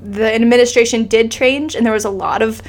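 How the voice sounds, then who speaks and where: A woman with a slightly high, steady voice talks a bit quickly as an interview guest, telling her family's immigration story. She comes across as earnest and impassioned, speaking casually and often restarting her sentences.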